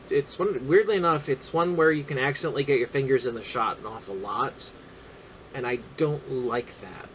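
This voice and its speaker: Rambling man on a dull lo-fi recording. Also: mid-range voice. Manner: rambling, halting, frequent filler sounds; dry sarcastic asides. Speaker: vlogger. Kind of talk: casual gear-review vlog. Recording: dull lo-fi audio with faint noise.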